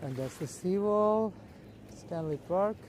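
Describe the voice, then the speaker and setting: A man giving casual, unhurried walking commentary as a live vlogger, speaking in short observational phrases outdoors. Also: sits high, animated, a little mellow, slight background noise. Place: outdoors at a busy beach and streets. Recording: outdoor crowd and street bustle. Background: crowd.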